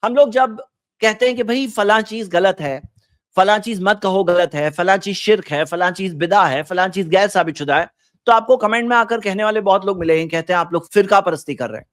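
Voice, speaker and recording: Preacher, male, high-pitched, dry close sound, lectures through rhetorical questions. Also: no room sound. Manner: explains with rhetorical questions, quotes Arabic then translates. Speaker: Islamic preacher. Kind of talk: religious talk.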